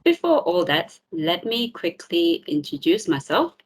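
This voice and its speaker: A friendly woman in her thirties gives a presentation at an online tech meetup. She sounds upbeat and a little informal, with the odd um along the way. Her voice sits slightly low for a woman. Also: very animated, measured pace, breathy edge. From South Korea, raised in New Zealand. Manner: friendly, upbeat, with filler ums. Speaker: tech community speaker. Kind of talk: presentation talk.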